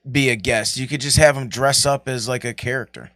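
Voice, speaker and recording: A man's voice: mid-range voice, fairly even intonation, fairly quick, a bit bright, no room sound, studio quality. A man making casual, joking banter on a radio show.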